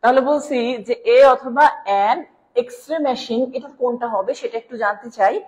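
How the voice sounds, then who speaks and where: A woman's voice: fairly high pitch, normal speed. A woman with a Bangladeshi Bengali accent teaching an English grammar class live online. She explains step by step, keeps checking in with listeners, and calls them "sir". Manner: explanatory, checks in with "right?", addresses viewers as "sir". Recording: long reverb.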